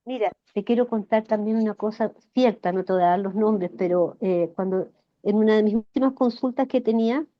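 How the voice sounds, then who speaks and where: A woman's voice: mid-range voice, brisk, highs cut off. A woman in her sixties with a Chilean accent, a flower therapist guest telling emotional stories in a podcast interview. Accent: Chilean Spanish. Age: 60s. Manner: emotional, animated storyteller.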